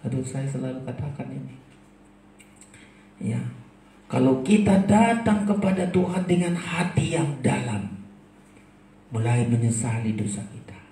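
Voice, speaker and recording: Older pastor preaching in an echoey hall. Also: male voice, medium pitch, animated, a little slow, long pauses. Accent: Indonesian, Medan. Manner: impassioned preaching, swells to loud pleading prayers. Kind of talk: sermon. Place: church hall. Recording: echoey church room from far off, faint background noise.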